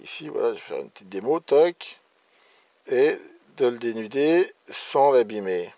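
A man's voice: medium pitch, expressive, unhurried, mellow, no room sound. A man casually presenting electronics gear he bought, hesitant, with many restarts and fillers. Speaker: electronics hobbyist presenting purchases. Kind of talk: casual show-and-tell.

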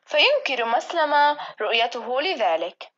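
Woman narrator, steady school-play reading, high voice, dull recording. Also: moderate pace.

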